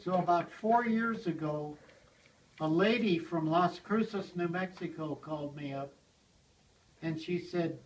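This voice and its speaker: Speaking a little slowly, the older blacksmith with the slightly high voice spins rambling tales for a small gathering and chuckles as he tells them. A handheld video camera picks him up from a distance, giving a roomy sound.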